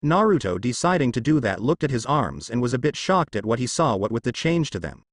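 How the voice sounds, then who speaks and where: A man's voice: medium pitch, very animated, a little fast, dry recording, clean studio sound. A man narrating a fan fiction story aloud in a descriptive storytelling manner.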